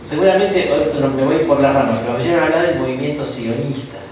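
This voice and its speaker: A man with an Argentine accent teaching a Bible class in a relaxed lecture style, often checking in with the room through "¿no?" and short asides. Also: medium pitch, fairly quick, a loud crowd. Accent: Argentine Spanish. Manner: conversational, frequent "¿no?" and "¿tá?" tags, asides. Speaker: bishop teaching a Bible course. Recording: echoey room, mic far off.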